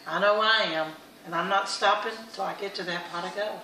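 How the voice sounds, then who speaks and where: A woman's voice: medium pitch, brisk, sharp tone, recorded from a distance, a little hiss or hum. A middle-aged woman vlogging, telling stories and giving earnest motivational talk in a chatty way. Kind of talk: casual motivational vlog. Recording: echoey room, a bit off-mic.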